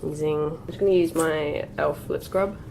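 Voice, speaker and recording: This UK beauty vlogger in her twenties has a deep voice with vocal fry, a steady tone and normal speed as she chats through her makeup while getting over a cold. Her get-ready-with-me talk has frequent "like" and "um" fillers, and the background is noisy.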